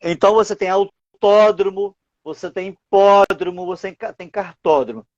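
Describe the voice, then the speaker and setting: A man's voice: sits high, steady tone, moderate pace, dry recording, highs cut off. A man, a writer and teacher, explaining word origins as a guest on a live stream, posing rhetorical questions as he goes. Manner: didactic, asks rhetorical questions.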